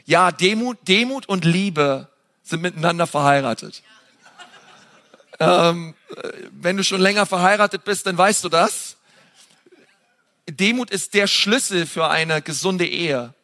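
A man preaching a sermon in an animated way, pushing his voice up for emphasis, with fillers between points. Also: sits high, measured pace, long pauses.

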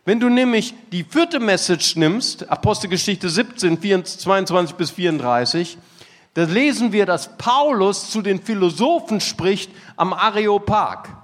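A male preacher with a fairly high voice delivers a sermon as animated storytelling and laughs at his own anecdotes. His words ring out with a long reverb in a large conference hall. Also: normal speed.

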